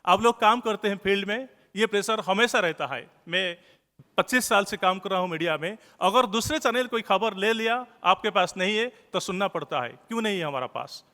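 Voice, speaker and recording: A news editor with an Odia accent gives an earnest speech in a large conference hall, repeating key phrases for emphasis. His voice is high-pitched, expressive, and sharp, at a moderate pace. Long hall reverb colors the recording.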